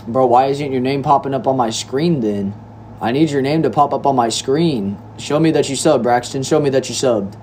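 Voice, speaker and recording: A nineteen-year-old from Texas chats casually on a livestream indoors, reading comments from viewers out loud and easily tossing around "y'all" and "bro." He speaks at a normal speed in a medium-pitched, slightly mellow voice, with slight background noise present.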